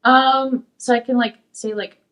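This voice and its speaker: A woman's voice: on the high side, fairly even intonation, unhurried, fairly bright tone, recorded from a distance, poor audio. A young woman from Peru raised in Sacramento, a college student answering oral history questions in a rambling, hesitant way with many fillers. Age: young adult. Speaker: interviewee, community college student. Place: dark studio, seated.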